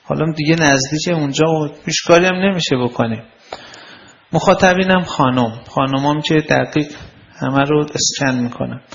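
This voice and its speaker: A man's voice: fairly high pitch, vocal fry, lo-fi sound. A man lecturing on communication skills in a conversational, explanatory way, with anecdotes.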